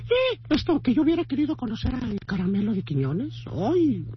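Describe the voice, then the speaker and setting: A man's voice: extremely high pitch, very animated, normal speed, heavy background noise. A Mexican man leaving a comedic voice message for a radio show, talking in a theatrical, boastful, sing-song way. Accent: Mexican Spanish. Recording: dull radio-broadcast sound.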